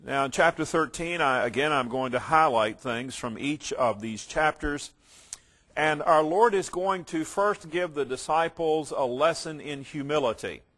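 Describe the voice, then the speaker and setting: A man teaching through a Bible passage verse by verse. He reads the text aloud with rising emphasis, then drops into quieter asides to explain it, sometimes stumbling and restarting a phrase. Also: on the high side, measured pace.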